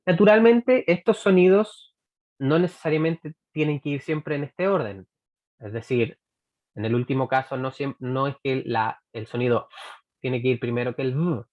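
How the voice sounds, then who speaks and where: A Chilean woman teaching English pronunciation in a recorded workshop, speaking deliberately and repeating example phrases slowly. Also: a bass voice, dull audio.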